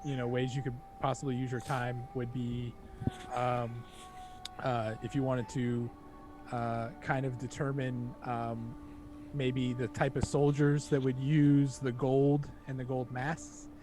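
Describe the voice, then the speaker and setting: A man's voice: mid-range voice, flat delivery, takes it slowly, music in the background. A young man running a tabletop game as game master, laid-back and joking, with lots of fillers.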